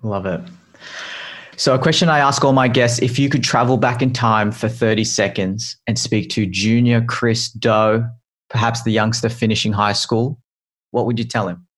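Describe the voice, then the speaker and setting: A man's voice: mid-range voice, steady tone, normal speed, a bit bright. A man hosting an interview, asking his guest questions in an encouraging way. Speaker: podcast host. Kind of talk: interview conversation.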